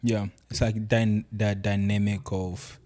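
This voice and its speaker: A young man hosts a casual podcast conversation. His voice is fairly low and has a warm, dark color. He asks rambling, filler-heavy questions in a relaxed way. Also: slow pace. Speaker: podcast host.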